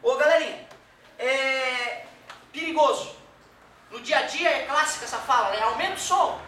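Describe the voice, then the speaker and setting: A man's voice: extremely high pitch, normal speed, bright, forceful tone, slight background noise. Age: adult. Sex: man. Role: teacher. Style: jokey classroom lecture with swearing. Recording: very echoey room, voice far from the mic. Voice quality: joking, colloquial, drops swear words, acts out quoted voices. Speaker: physics teacher.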